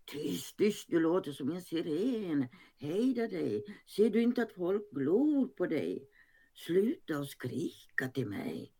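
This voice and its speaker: A woman voicing a plump, cheeky older woman who tells bawdy stories gleefully in a high, animated voice. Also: breathy edge, full character voice.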